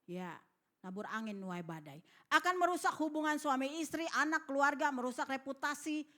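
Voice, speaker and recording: High-voiced animated woman pastor preaching. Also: moderate pace. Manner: animated, acts out voices in her stories, asks the congregation for responses. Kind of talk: sermon with storytelling. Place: church hall.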